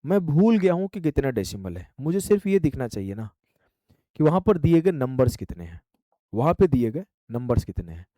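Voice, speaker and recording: A man teaching a math lesson, briskly counting out digits and coaxing his students along. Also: mid-range voice, very animated, mellow, dry recording, studio quality. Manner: brisk, drills numbers aloud, coaxing students. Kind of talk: classroom-style math lesson.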